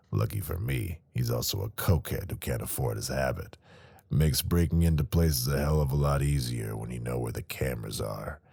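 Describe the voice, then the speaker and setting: A man's voice: extremely low pitch, vocal fry, a little mellow, husky, no echo, clean studio sound, pitched below the performer's own voice, heavily acted. A man voicing a crude, menacing male small-time criminal in an audiobook, swearing and sneering. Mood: grumbling. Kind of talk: audiobook character voice.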